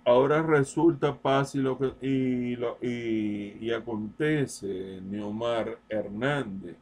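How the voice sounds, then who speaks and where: A man delivering a political monologue as an open letter, slow and deliberate, repeating his points emphatically and addressing the listener directly. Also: medium pitch, darkish tone, a little hiss or hum. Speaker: political commentator.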